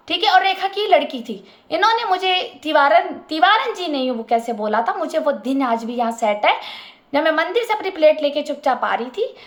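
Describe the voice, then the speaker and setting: A woman's voice: high voice, fairly bright tone. A woman telling a personal story in a casual monologue. She is emphatic, repeats herself and piles up details. She sounds unwell.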